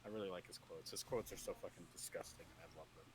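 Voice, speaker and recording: A man's voice: deep voice, fairly even intonation, fast talker, background noise. A man chatting casually while gaming, rambling and swearing freely. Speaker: gamer.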